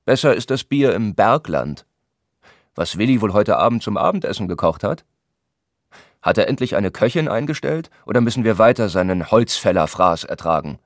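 A man voicing a gentleman who grumbles quickly about meals and money, in an audiobook reading. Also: fairly low pitch, expressive, no room sound, clean studio sound. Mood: grumbling. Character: grumbling gentleman complaining about food and prices. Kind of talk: audiobook character voice.

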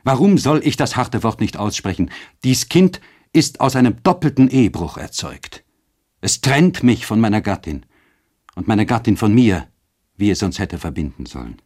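A man's voice: lowish voice, big pitch swings, normal speed, darkish tone. A man voicing a passionate married nobleman who pleads his forbidden love in a storybook reading. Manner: impassioned, pleading.

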